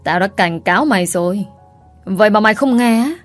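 A woman voicing a fierce man who shouts threats and curses. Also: medium pitch, a little fast, faint music behind, close to an everyday voice. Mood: furious. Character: furious tough man, fierce protector.

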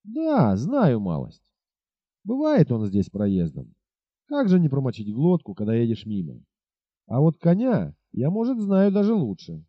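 Burly village innkeeper, folksy and unflappable, sing-song lively pitch, dull lo-fi sound, as a male narrator puts him on. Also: husky, no room sound, exaggerated voice. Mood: unruffled. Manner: folksy, unhurried, imperturbable. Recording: dull lo-fi recording.

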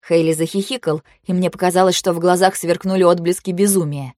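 A woman's voice: on the low side, steady tone, fairly quick, a little mellow, no room sound, clean studio sound. A woman reading a first-person fantasy novel aloud in a tense, clipped dramatic delivery. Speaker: audiobook narrator.

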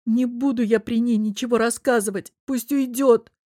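A woman voicing a tearful, upset young woman who pleads and sobs in a high-strung voice. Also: fairly even intonation, moderate pace, a little mellow, no echo, clean studio sound, close to an everyday voice.

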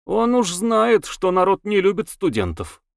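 A man reading aloud and voicing a stubborn, naive young man who speaks slowly and earnestly. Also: high-pitched, very animated, gravelly, no echo, studio quality, voice pushed up, full character voice.

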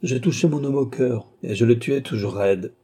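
A man's voice: mid-range voice, moderate pace, mellow, slightly rough, close to an everyday voice. A man voicing a treacherous army captain who speaks coldly and mockingly, taunting his victim. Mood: cool menacing. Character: treacherous scheming Italian army captain, gloating.

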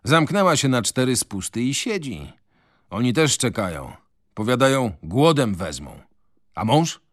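A man's voice: mid-range voice, very animated, unhurried, no room sound, clean studio sound. A man reading a novel on radio, voicing a matter-of-fact male townsman passing on gossip. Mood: gossipy.

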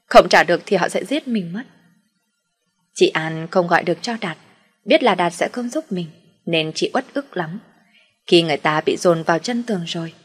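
Husky woman narrating a story. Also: lowish voice. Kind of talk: first-person story narration.

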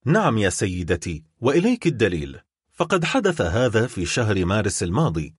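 A man's voice: on the low side, wildly swooping pitch, brisk, slightly rough, dry recording, studio quality, heavily acted. A man voicing a wealthy middle-aged baron who is cold, stern and accusing toward his wife in a storybook reading.

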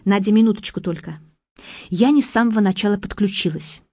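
A woman's voice: mid-range voice, a little fast, warm tone, dry recording, dull audio, lightly acted. A woman voicing a polite, inquisitive young woman who asks questions. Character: curious young woman joining a chat.

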